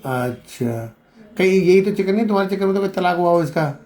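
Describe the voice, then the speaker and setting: A man's voice: sits high, expressive, brisk. Probing male interviewer repeating answers. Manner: probing, repeats answers back, urges louder speech; calls people beta. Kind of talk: on-the-spot questioning interview.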